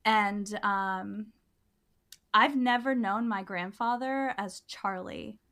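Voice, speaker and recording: A woman's voice: mid-range voice, takes it slowly, a bit bright. A woman co-hosting a podcast, telling a personal experience in a casual, earnest way, with many fillers and restarts. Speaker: podcast co-host. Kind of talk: casual storytelling.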